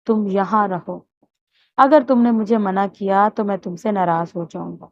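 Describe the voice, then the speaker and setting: A woman's voice: medium pitch, darkish tone, lightly acted. Give me a woman voicing a stern but loving old grandfather, in a dull recording. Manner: commanding, scolding, then tender.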